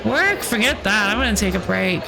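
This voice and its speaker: A woman's voice: mid-range voice, lively intonation, normal speed, gravelly, crowd noise. Woman reading as a carefree tipsy game guy. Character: carefree, boastful, tipsy man dodging work to party. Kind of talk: reading video game dialogue aloud in character.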